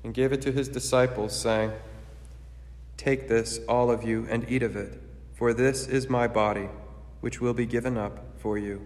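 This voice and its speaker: Man, priest, flat steady intoning, cathedral echo, long ringing reverb. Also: medium pitch, moderate pace, a little hiss or hum. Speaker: priest celebrating Mass. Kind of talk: liturgical prayer and recitation. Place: large church. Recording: echoey church with long reverb.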